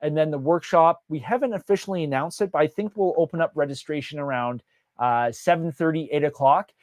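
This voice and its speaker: A man's voice: a little high, brisk, dry recording, studio quality. A man hosting a casual live question-and-answer session as a conference organizer, talking loosely with many fillers and restarts.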